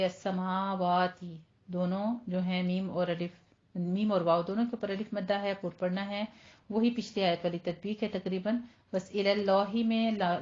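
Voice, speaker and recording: A woman teaching a Quran recitation lesson. She patiently explains each pronunciation rule and then slowly recites the Arabic words herself. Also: medium pitch, a little mellow, highs cut off. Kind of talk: online tajweed lesson.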